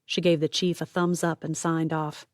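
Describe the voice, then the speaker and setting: A woman's voice: low voice, flat delivery, moderate pace, no echo, clean studio sound. A woman narrating an audiobook, voicing each character and dropping to a whisper for tense lines.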